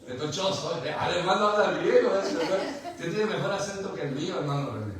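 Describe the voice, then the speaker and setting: A man's voice: sits high, animated, a little fast, a crowd in the background. A man preaching a sermon, asking the congregation questions and mixing in light humor. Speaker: pastor. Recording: echoey room from far off.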